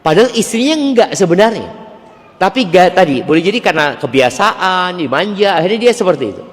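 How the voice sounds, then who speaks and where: Male preacher, religious Q&A lecture, conversational, wry asides, slightly high voice, echoing hall. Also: animated, brisk. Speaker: Islamic preacher answering questions.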